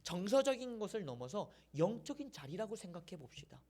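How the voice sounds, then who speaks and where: A man's voice: high voice, big pitch swings, a little fast, mellow. A man preaching a sermon as pastor, in a conversational way, often asking rhetorical questions.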